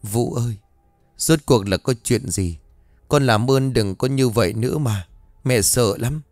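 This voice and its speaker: A man's voice: mid-range voice, unhurried, darkish tone, no echo, soft background music, natural voice. A man voicing a frightened young mother who pleads and whimpers in fear, in a dry studio audiobook reading. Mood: terrified, pleading. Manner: whimpering, begging.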